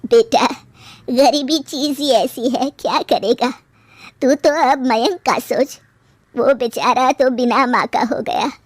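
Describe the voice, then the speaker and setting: A woman voicing an older mother in a cartoon story, soft, consoling and resigned. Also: high-pitched, steady tone, slow pace, no room sound.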